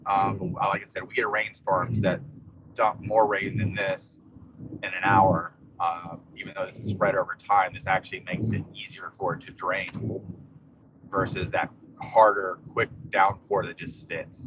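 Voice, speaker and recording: A local vlogger gives a storm update while driving through rain, his voice low-pitched and a little slow. His live commentary is casual, rambling and matter-of-fact. The lo-fi audio is dull, with steady car and rain noise throughout.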